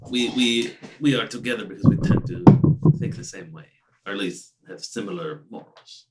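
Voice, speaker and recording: Man, very low voice, evasive rambling player, faint background noise. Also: normal speed, a little mellow, rough recording. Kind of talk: playing a tabletop character.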